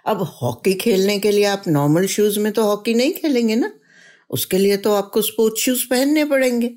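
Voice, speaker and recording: A woman with a medium-pitched voice tells a children's story at a moderate pace, chatting along and often asking the listener questions. Soft guitar music plays in the background.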